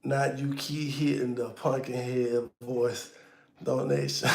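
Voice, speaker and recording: A man's voice: medium pitch, little pitch movement, slow pace, gravelly, fairly bright tone, echoey room. A man hosting a casual livestream, talking loosely and slangy straight to his viewers, with auto-tune on his voice. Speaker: livestream host.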